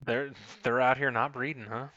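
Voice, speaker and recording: A man's voice: mid-range voice, little pitch movement, normal speed, bright, forceful tone, dry recording, dull audio. A man talking through his own heavily compressed microphone, joking casually as he hosts a board game session. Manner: joking, self-mocking. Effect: compressed mic sound. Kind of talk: casual chat while playing a board game.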